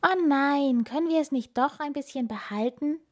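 A woman's voice: on the high side, moderate pace, dark tone, voice pushed up, lightly acted. A woman voicing an eager little hare in a read-aloud storybook, speaking in an eager way.

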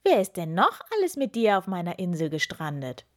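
A woman's voice: lowish voice, sing-song, darkish tone. Woman doing a grumpy old hermit wizard. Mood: gruff. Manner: slow, gruff grumbling. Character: gaunt old male wizard, grumpy, slow-spoken.

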